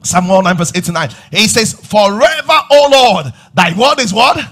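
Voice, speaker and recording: A man preaches on a large church stage with a bright, husky voice that rides high. He quizzes the congregation and builds to shouted call-and-response. Soft music sits faintly under his voice. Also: lively intonation, moderate pace. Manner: moves about the stage while preaching. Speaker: pastor. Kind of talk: sermon.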